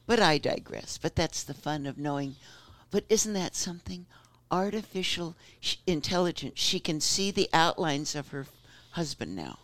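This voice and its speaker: A man hosting a talk show, chatting in an animated, digressive way and laughing often. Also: fairly high pitch, normal speed, no echo. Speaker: host. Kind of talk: casual chat.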